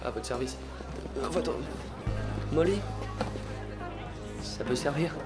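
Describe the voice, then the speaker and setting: An actor playing a mild, awkward young airport agent in a dubbed comedy film, polite and hesitant. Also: male voice, mid-range voice, slow pace, lightly acted. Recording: music behind the voice.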